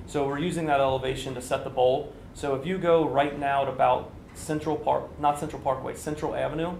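Standing at a mic in a conference room with a TV camera on him, this man in his forties, a construction official, gives businesslike, explanatory answers full of fillers. His mid-range voice is gravelly and darkish, steady in tone and a little fast. Echo and slight background noise are present.

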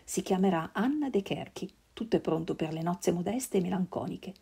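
A woman reading a literary novel aloud in a measured, solemn way. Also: on the low side, animated, gravelly, warm tone, slightly rough. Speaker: reader.

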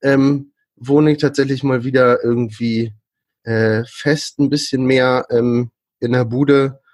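A man's voice: medium pitch, steady tone, takes it slowly, darkish tone. A young man from Berlin, a guest in a casual interview, talking with many fillers and restarts. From Berlin, Germany. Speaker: interview guest, freelance frontend developer.

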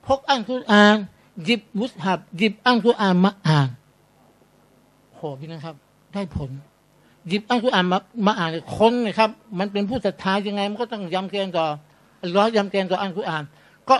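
Animated, high-voiced male preacher. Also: moderate pace. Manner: animated, addresses the audience as brothers and sisters. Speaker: Islamic preacher. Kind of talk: storytelling sermon. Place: garage meeting room.

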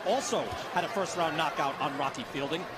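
A man's voice: fairly high pitch, brisk. A man giving live boxing commentary as the lead commentator. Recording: loud arena crowd noise throughout. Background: roaring crowd.

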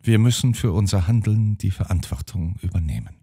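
A man's voice: fairly low pitch, expressive, fairly quick, gravelly, warm tone, breathy edge, full character voice. A man voicing an anxious, timid elderly spinster sister in an audiobook. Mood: pleading. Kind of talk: audiobook character voice.

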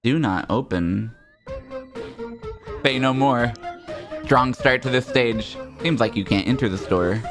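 A man's voice: medium pitch, takes it slowly, pauses often, over music. Sarcastic young man streaming a game. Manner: sarcastic, self-mocking, swears freely. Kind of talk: casual gameplay commentary.

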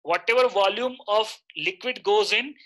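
A man's voice: sits high, moderate pace, a bit bright. A man in his thirties with an Indian accent, teaching a live online lecture and often checking in with short questions.

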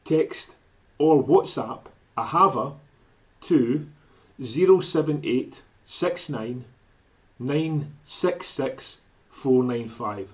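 A man from Scotland with a Scottish accent, director of an advocacy group, making an earnest, deliberate appeal to camera and quoting scripture. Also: medium pitch, lively intonation, low-quality recording. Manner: slow, deliberate, quotes scripture.

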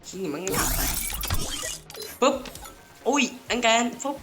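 A man giving casual, excitable commentary on his own gameplay, swearing freely and talking straight to his viewers. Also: slow pace. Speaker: gaming channel host. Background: game music.

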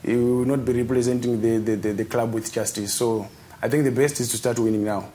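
A young man from Zimbabwe speaks earnestly as a football captain in a studio interview, often repeating a word while he searches for the next. His mid-pitched voice is mellow and dark, with a faint hum of studio ambience behind him. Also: fairly even intonation, brisk.

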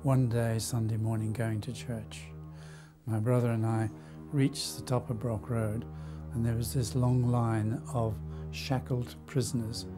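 An older man recalling his youth in an unhurried, storytelling manner, pausing now and then. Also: medium pitch, little pitch movement, over music. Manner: measured storytelling with small pauses. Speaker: interviewee recalling wartime occupation. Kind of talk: reminiscing testimony.

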